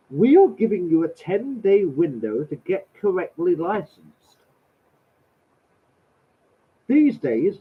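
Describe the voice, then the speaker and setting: Reading a letter aloud as a vlogger, a man with a cold offers sarcastic, exasperated commentary and swears along the way. His mid-range voice is slightly nasal with a breathy edge, and the audio sounds tinny, like a phone.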